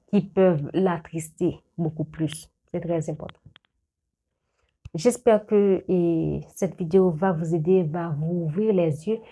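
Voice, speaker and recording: Speaking in a mellow voice on the low side, a young adult woman lectures her viewers earnestly on life straight to camera. This advice-video creator keeps repeating words and restarting her sentences.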